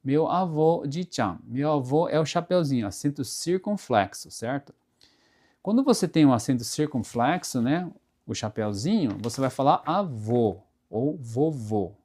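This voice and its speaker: A man's voice: mid-range voice, lively intonation, mellow. A man with a Brazilian Portuguese accent giving a casual spoken pronunciation lesson, explaining patiently with repeated examples and frequent checks like "right?". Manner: explains slowly with many tag questions and repeated examples. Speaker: Portuguese teacher.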